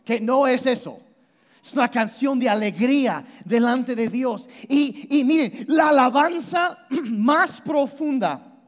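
High-voiced preacher man in echoing hall. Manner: animated, shifts between loud emphasis and low intensity; repeats and restarts words while explaining. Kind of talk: sermon. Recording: long hall reverb.

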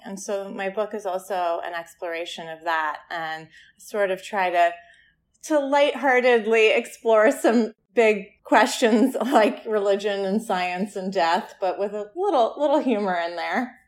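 Articulate woman author in conversation. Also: mid-range voice. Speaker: author being interviewed. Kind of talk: thoughtful conversational interview answers.

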